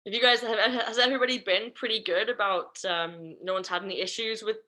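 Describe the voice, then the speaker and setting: A woman dog trainer teaching an online puppy class, chatty and self-correcting, sometimes slipping into a playful high voice. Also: steady tone, fast, bright, forceful tone.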